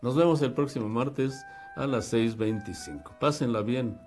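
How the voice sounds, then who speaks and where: A man's voice: medium pitch, normal speed, a little mellow, soft background music. Mexican man hosting a language lesson. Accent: Mexican Spanish. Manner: didactic, addresses listeners directly, spells out syllables. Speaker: language program host.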